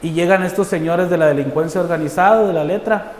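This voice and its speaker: A man's voice: high-pitched, fast. A man with a northern Mexican accent gives a personal conversion testimony, telling his story earnestly and acting out the dialogue. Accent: northern Mexican Spanish. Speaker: testimony speaker. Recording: roomy hall reverb with faint background noise.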